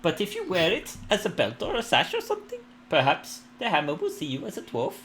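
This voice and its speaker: A man running a tabletop game as game master, improvising narration in a hesitant, halting way. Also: sits high, huge pitch swings, fairly bright tone, a little hiss or hum.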